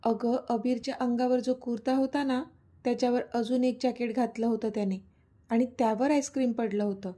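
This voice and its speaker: A woman's voice: a little high, steady tone, fairly quick, warm tone, lightly acted. A woman voicing a playful, teasing young man, the romantic lead of a spoken story.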